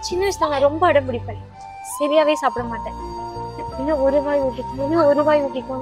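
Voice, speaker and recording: A woman's voice: high-pitched, lightly acted, rough recording. A young woman acting as a college girl in a web series, speaking emotionally and tearfully, with music underneath. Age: young adult. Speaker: college student.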